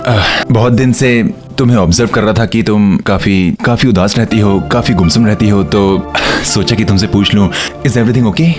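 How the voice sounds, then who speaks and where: A man playing an office boss speaking gently and hesitantly. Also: lowish voice, moderate pace, music in the background, close to an everyday voice. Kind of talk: TV drama dialogue.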